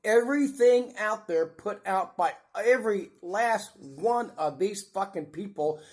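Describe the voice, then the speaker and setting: A man's voice: sits high, animated, measured pace. A man hosting his own channel, giving blunt, profane, rambling commentary. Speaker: channel host. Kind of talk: ranting commentary.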